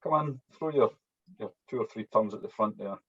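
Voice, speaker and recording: With a fairly low, husky voice and a brisk delivery, this fly-tying instructor gives a casual hands-on demo in a strong, broad Scottish accent. He's talkative and habitually tags his sentences with "yeah". The audio is lo-fi, dull and muffled.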